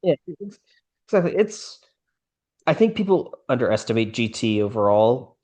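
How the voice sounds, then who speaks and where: Man, co-host, casual chat, relaxed, agreeable, mid pitch. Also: normal speed. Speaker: podcast co-host. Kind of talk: casual chat about anime.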